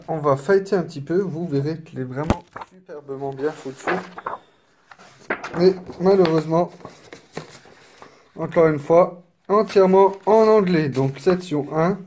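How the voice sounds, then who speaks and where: A man casually presenting a collector's edition, chatty and apologetic, filling pauses with little interjections. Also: on the high side, darkish tone, slight background noise. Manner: unhurried, chatty, filler-heavy with frequent "hop" and "donc"; apologetic and self-deprecating. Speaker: unboxing video creator. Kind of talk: casual unboxing commentary. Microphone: camera mic, filming one-handed.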